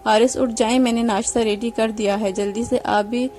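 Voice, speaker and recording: A woman reading as a gentle devoted wife. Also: a little high, steady tone, soft background music, natural voice. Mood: affectionate. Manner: soft and affectionate.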